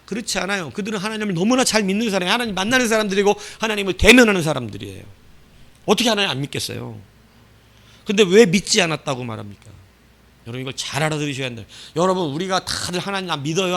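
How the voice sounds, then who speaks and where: A man preaching a sermon as pastor. He asks the congregation questions and answers them himself, and his loud bursts fall away into quiet phrase endings. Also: a little high, creaky.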